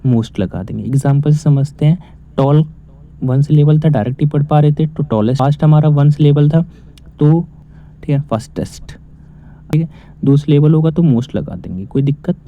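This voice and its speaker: A man's voice: a little high, normal speed, dark tone. Male teacher with tinny phone-like sound. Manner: explains step by step, asks and answers own questions. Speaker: English teacher. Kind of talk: casual spoken lesson.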